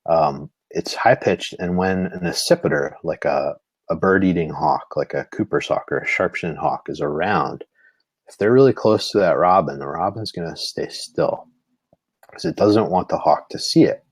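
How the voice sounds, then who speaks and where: A man's voice: sits low, lively intonation, moderate pace, slightly rough, dry recording. A man giving a live-streamed lesson on bird behavior, explaining patiently with frequent "you know" fillers. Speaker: nature instructor.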